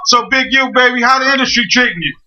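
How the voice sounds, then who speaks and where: A man's voice: very high voice, fast talker, lo-fi sound. A man hosting a radio interview, talking slangy and loose, often asking "you know what I'm saying". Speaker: radio show host. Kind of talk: casual interview.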